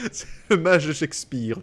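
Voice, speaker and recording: A man's voice: on the high side, slightly rough. A man hosting a let's play, giving casual gaming commentary, sarcastic and joking, swearing and mocking the game text he reads out.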